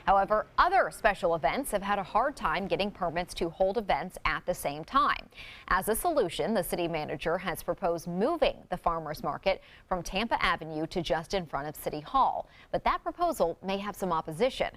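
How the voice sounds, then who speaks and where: A woman anchors a newscast with a slightly low voice. She reads scripted stories in broadcast news style. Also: animated, fairly quick, fairly bright tone.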